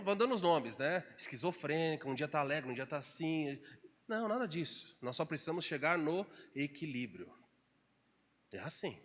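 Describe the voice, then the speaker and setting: A man's voice: fairly bright tone, in a large hall. A man preaching a sermon as pastor in Brazilian Portuguese, asking the congregation questions and jumping into quoted voices. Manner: acts out quoted voices with sudden pitch jumps; conversational, asks the congregation questions. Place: church hall.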